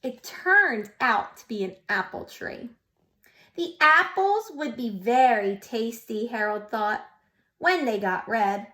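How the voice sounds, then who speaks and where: A woman teacher reads a storybook aloud to little children in a high, bright voice. Her pitch swings up and down with lively expression, and she stops to ask the kids gentle questions. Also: slow. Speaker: preschool teacher. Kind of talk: reading a picture book aloud to young children.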